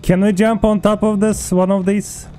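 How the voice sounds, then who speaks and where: A man's voice: sits high, level tone, moderate pace, mellow, soft background music. A man chatting casually with his partner while they play a game together. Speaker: co-op gaming partner. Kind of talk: casual gameplay chat.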